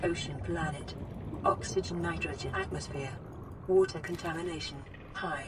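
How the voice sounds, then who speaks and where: Gentle care robot AI. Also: female voice, lowish voice, normal speed, slight background noise. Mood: calm. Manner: even, clinical, reassuring announcements. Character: calm female AI suit computer, gentle care robot. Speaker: in-game assistant. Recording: game audio over background music. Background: game music.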